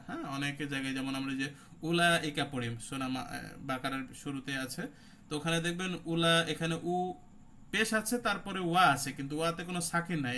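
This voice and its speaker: A man teaching an online recitation class in a bright, slightly high voice. He walks through each rule patiently, puts questions to his students and answers them himself, and draws out syllables to show how they should sound. Faint noise hums under the recording. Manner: explanatory, asks and answers his own questions, drawn-out demonstration sounds.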